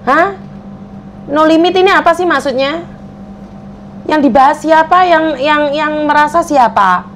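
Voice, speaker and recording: A woman's voice: high voice, a little slow, pauses often, fairly bright tone, slight background noise. A woman hosting a live stream, talking to viewers and pressing commenters with repeated demands. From Indonesia. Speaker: livestream host.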